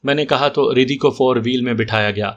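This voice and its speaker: Male narrator for an audio story, middle pitch, even steady reading. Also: dull audio. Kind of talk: scripted narration of a detective story.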